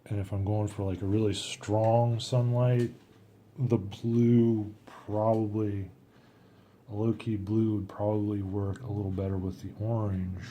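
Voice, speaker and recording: Man, watercolor demo, thinking aloud, hesitant, lowish pitch, warm mellow tone. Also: flat delivery, a little slow, slight background noise. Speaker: watercolor artist. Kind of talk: casual painting demonstration.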